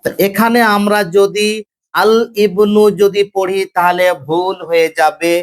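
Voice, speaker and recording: High-voiced man teaching Arabic grammar. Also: fairly even intonation, smooth. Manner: slow, drawn-out pronunciation of examples; repeats points and tells students to listen. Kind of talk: classroom grammar lecture.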